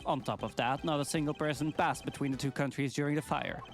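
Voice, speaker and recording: A man's voice: medium pitch, steady tone, quick pace, faint music behind, close to an everyday voice. A man voicing a stern, formal investigator in a video game, speaking in precise, logical arguments. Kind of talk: video game voice-over read live.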